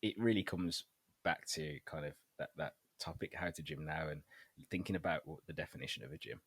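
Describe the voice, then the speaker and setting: A man's voice: extremely low pitch, a little fast, slightly rough, no room sound. A man co-hosting a fitness podcast in casual chat, a trainer who laughs often and tells loose stories.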